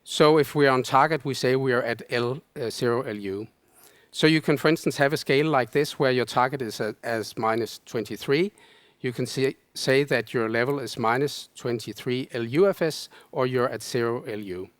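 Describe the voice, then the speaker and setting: A man's voice: mid-range voice, no room sound. Man giving a technical lecture. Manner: explanatory, measured, casual fillers. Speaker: conference presenter.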